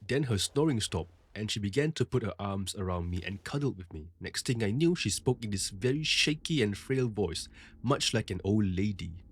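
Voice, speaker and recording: A man's voice: lowish voice, lively intonation, normal speed, husky, dry recording. A male podcast host retelling a listener's ghost story in a casual, conversational way, with frequent asides.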